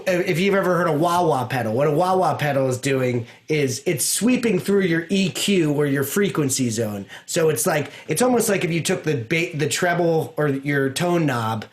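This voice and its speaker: A man with a fairly high voice teaches a casual online guitar lesson. He talks in loose, rambling explanations, full of fillers and restarts, and he comes through a video call. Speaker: music teacher.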